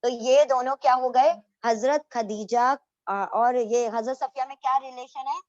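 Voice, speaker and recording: Woman teacher lecturing casually, quizzing students, fairly high voice, dull dry recording. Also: unhurried, dry recording. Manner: questioning, explaining step by step; self-correcting, restarts. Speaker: Islamic history teacher.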